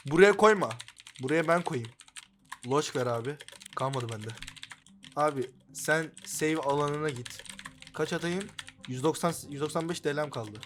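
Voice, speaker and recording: A young man narrates his own gameplay as it happens, excitable and swearing nonstop, breaking into sudden loud outcries. His voice sits a little high for a man. Faint music plays underneath. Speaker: gaming YouTuber. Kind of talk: live gameplay commentary.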